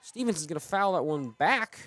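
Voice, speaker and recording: A man calling the play-by-play of a game in steady, brisk sports commentary. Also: a little high, a little hiss or hum. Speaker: play-by-play announcer.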